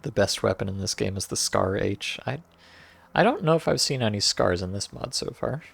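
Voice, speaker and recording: Gravelly, wry male game streamer. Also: fairly low pitch, expressive, moderate pace. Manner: wry, joking, often laughs and restarts. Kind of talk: let's-play commentary.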